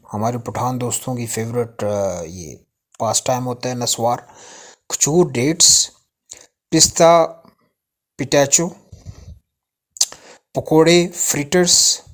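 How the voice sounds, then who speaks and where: Casual teacher: a man from Pakistan, mid-pitched voice, reading vocabulary lists in an easygoing, unhurried way. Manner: reads word lists with fillers and restarts. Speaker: English teacher.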